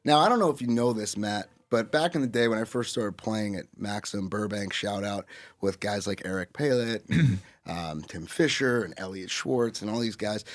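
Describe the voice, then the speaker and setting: A man's voice: on the low side, normal speed. A man co-hosting a podcast in casual chat, boastful and rambling with lots of fillers. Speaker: podcast co-host.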